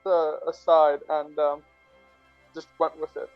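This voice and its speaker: A man's voice: a little high, little pitch movement, slow pace, smooth, no echo. A man giving behind-the-scenes commentary on his own film, hesitant and rambling, full of fillers and restarts. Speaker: filmmaker discussing his fan film. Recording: dull, lo-fi sound. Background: faint film music.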